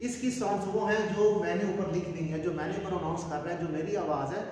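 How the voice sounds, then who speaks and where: A man teaching a video lesson and slowly drawing out each sound in pronunciation drills. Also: high voice, steady tone, darkish tone. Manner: slow drawn-out pronunciation drills. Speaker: language teacher. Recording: echoey room from far off.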